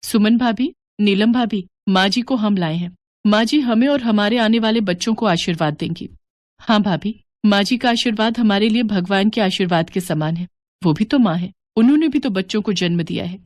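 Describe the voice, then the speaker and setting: A woman voicing a kind young daughter-in-law who speaks respectfully and gently. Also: medium pitch, normal speed, no echo, natural voice.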